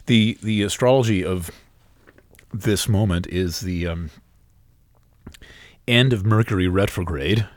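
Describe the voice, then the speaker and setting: Low-voiced man rambling through an astrology reading. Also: slow, pauses often, no echo. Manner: rambling, with many fillers and restarts. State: hiccuping. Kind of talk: casual spoken astrology reading.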